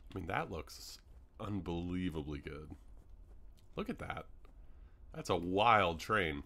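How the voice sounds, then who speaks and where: A young man from Canada with a low voice and sharp tone rambles casually through a game build tour for his gaming channel. He's chatty and says um constantly, and between hiccups his voice is starting to go.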